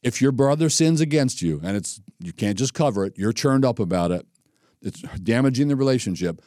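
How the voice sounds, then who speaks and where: A man's voice: medium pitch, brisk, no room sound, studio quality. A male pastor teaching a sermon in a conversational way, acting out the scripture and the people he quotes. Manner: conversational, animated, acts out scripture and quoted speech.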